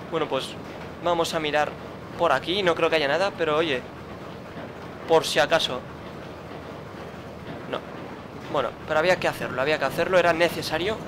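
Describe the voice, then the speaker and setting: A man whose voice leans high mutters and grumbles through commentary on his own gameplay, swearing at the game out of frustration. There's noise in the background.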